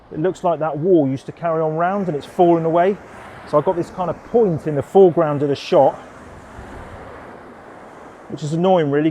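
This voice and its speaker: Chatty man outdoors, mellow voice. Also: on the high side, a little hiss or hum. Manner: chatty, rambling, down-to-earth. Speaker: landscape photographer. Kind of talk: casual vlog chat. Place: outdoors on a coastal headland.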